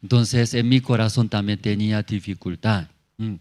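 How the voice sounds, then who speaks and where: A man's voice: fairly low pitch, fairly even intonation, moderate pace, darkish tone. A male pastor giving a sermon testimony in simple, broken phrasing, often checking in with tag questions. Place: church in La Paz.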